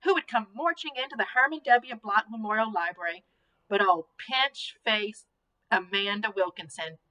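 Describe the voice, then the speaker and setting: A teacher reading a children's novel aloud to her class, with expressive narration. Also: mid-range voice, moderate pace, rough recording.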